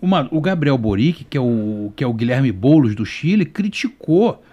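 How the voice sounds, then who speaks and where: A Brazilian man on a debate panel, making a heated, rapid-fire argument. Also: medium pitch, very animated, dark tone, highs cut off. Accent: Brazilian Portuguese. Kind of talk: political debate talk.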